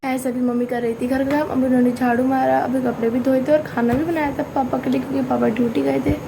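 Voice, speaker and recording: A woman's voice: high-pitched, little pitch movement, fast, creaky, background noise. Chatty young woman vlogging at home. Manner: chatty, rambling, apologetic. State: sore throat. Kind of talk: casual home vlog chat. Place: family home, indoors.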